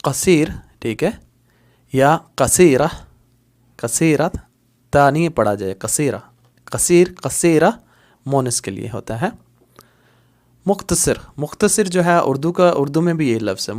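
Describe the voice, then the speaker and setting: A man's voice: medium pitch, animated, unhurried, a little mellow. A man teaching Arabic phrases in an online lesson, explaining patiently and repeating each word several times, with English glosses mixed in. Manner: switches between Hindi-Urdu explanation and English glosses.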